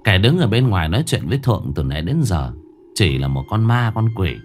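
Male horror narrator, low and expressive, suspenseful. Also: fairly quick, a little hiss or hum. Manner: dramatic, suspenseful storytelling. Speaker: storyteller.

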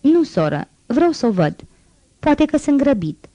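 A woman reading the part of a solemn, quiet male ex-convict mayor in an audiobook. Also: sits high, big pitch swings, no echo, lo-fi sound, pitched above the performer's own voice. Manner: grave, quiet and restrained.

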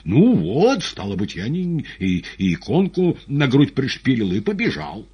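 A man's voice: mid-range voice, wildly swooping pitch, measured pace, darkish tone, breathy edge, pitched above the performer's own voice, full character voice. A man voicing a frantic young male poet in an audiobook, agitated and insistent. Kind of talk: audiobook character voice.

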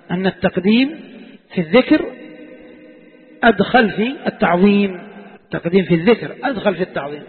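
A man's voice: high voice, slightly rough. A man teaching a classical exegesis text, repeating key phrases and quizzing his students with questions. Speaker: sheikh teaching Quranic exegesis. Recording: tinny phone-like sound in a long-reverb hall.

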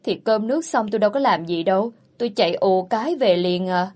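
A woman's voice: mid-range voice, fairly quick, a little mellow, close to an everyday voice. A woman reading a naive young village wife. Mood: naive, eager.

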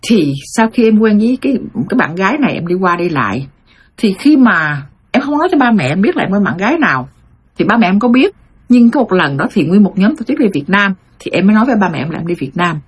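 Husky woman with lively storytelling. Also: medium pitch, fast. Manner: addresses audience as "thưa quý vị", animated retelling. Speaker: host retelling listeners' life stories. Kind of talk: storytelling monologue.

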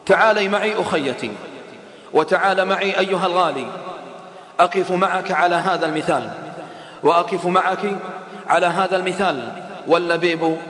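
A man's voice: sits high, fairly quick, pauses often, fairly bright tone. A man preaching an impassioned sermon, calling out rhetorical questions to his listeners. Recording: echoey hall reverb.

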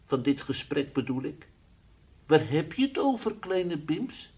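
Zoep, a fussy toy lion. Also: male voice, on the high side, big pitch swings, measured pace, husky, full character voice. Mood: playful. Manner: teasing, then gentle and coaxing. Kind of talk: 1960s radio drama acting.

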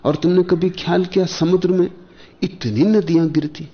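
A man, a spiritual teacher, giving a discourse in measured short phrases with pauses and rhetorical questions. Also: high voice, fairly even intonation. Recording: dull lo-fi archival lecture tape.

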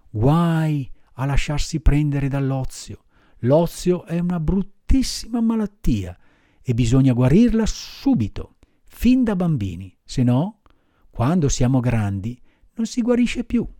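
A man voicing a patient, motherly fairy woman, speaking softly and firmly in an audiobook reading. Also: no room sound, clean studio sound. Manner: soft lowered voice, measured admonishing tone. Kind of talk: audiobook character voice.

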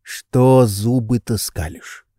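A man doing a loud, coarse bully. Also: medium pitch, slow, no echo, clean studio sound. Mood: pushy. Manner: brash, demanding, blustering. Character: loud coarse pushy middle-aged man.

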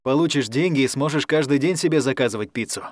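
A man voicing a calm, firm male coordinator who reassures and directs clearly. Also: medium pitch, fast talker, no room sound, natural voice. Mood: reassuring.

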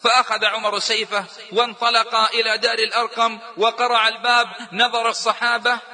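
A man preaching a sermon in emotional storytelling style, impassioned and rising toward near-shouting. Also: extremely high pitch, little pitch movement, fairly quick, in a large hall.

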